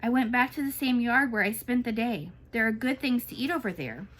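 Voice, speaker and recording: A woman's voice: a little high, a little fast, lightly acted. A woman voicing a shy, curious little female possum in a read-aloud storybook, sounding timid and hesitant. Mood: earnest.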